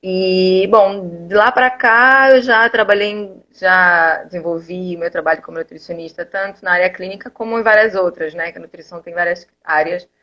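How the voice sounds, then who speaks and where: A woman's voice: on the low side, moderate pace, few pauses, sharp tone, lo-fi sound. A woman raised in Angola, a nutritionist guest in a live video interview, explaining her work while thinking aloud. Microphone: earphone mic.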